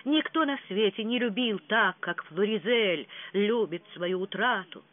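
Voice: medium pitch, expressive, measured pace, no room sound, close to an everyday voice. A reader voicing a passionate young prince who makes insistent vows of love, in an audiobook. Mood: ardent. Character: ardent young prince, impatient lover. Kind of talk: audiobook reading. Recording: tinny phone-like sound.

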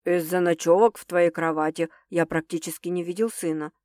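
A woman voicing a calm, self-assured wealthy man who speaks in a measured, slightly condescending way, pitched a little lower than her narration. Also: dry recording, clean studio sound, natural voice.

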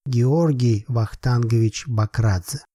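A proud, hot-tempered old father, pleading in heavy, slow, emphatic phrases, as a male narrator acts him out. His voice is warm and husky, recorded dry and close for an audiobook. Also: mid-range voice, dry recording. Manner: emphatic, pleading, broken grammar.

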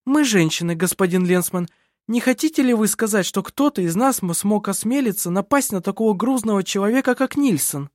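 A reader doing a shrill furious young woman. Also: animated, brisk, dry recording, studio quality, close to an everyday voice. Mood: indignant. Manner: shrill, accusing, shouting. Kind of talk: audiobook character voice.

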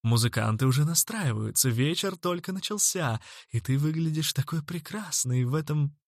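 A man's voice: on the high side, expressive, moderate pace, dry recording, clean studio sound. A man voicing a friendly, chatty young woman at a dance. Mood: musing.

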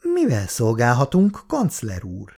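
A man's voice: medium pitch, huge pitch swings, gravelly, mellow, full character voice. A man voicing a tart, scolding older wife and mother.

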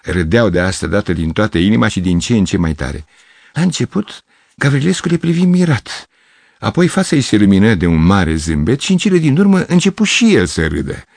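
A man narrating a literary story as an audiobook, measured and expressive. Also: lowish voice, vocal fry, no echo. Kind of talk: audiobook reading.

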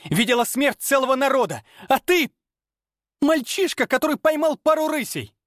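A man puts on a fierce, ancient she-werewolf from a storybook reading, her voice thrown high and shrill. She spits scorn and shouts, proud and quick to explode. The reading is dry and close. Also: no echo. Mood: enraged. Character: furious centuries-old female werewolf.

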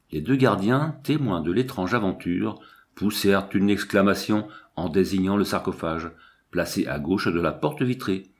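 A man reads an audiobook, his voice pitched low but moving a lot up and down. He tells the story in a lively, expressive way, leaning into each scene. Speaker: audiobook narrator. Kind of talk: scripted narration.

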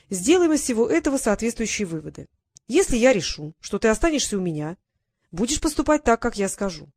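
A domineering elderly duchess lays down the rules to her niece in firm, decisive phrases, as a woman reads her part. The voice is dry and close, with no room around it, and the delivery is slow and deliberate. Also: on the high side, a little mellow, dry recording. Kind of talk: audiobook character reading.

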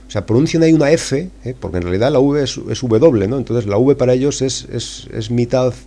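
With a Spanish accent, this middle-aged man from Spain hosts a podcast and teaches English, rambling through a relaxed lesson packed with tag questions and fillers. He speaks briskly at medium pitch, in a warm tone.

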